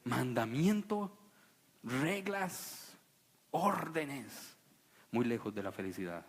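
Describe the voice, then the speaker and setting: A man preaching a sermon to a congregation, animated and playful, sometimes mocking a solemn preaching voice. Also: medium pitch, slow, husky. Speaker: pastor. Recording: long reverb of a church hall.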